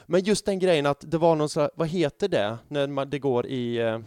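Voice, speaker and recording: A man in his thirties chatting casually on a fan podcast, telling stories in an animated way with plenty of swearing. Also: on the high side, clear, resonant tone, no echo, clean studio sound. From Sweden. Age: 30s. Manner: animated storytelling with lots of swearing and fillers. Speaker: podcast co-host.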